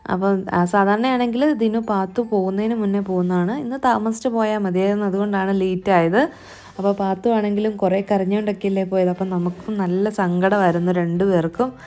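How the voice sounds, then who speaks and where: Chatty woman with a mellow voice. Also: mid-range voice. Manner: chatty, friendly, often adds a conversational tag to sentences. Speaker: homemaker vlogger. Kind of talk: narrated day-in-the-life voice-over.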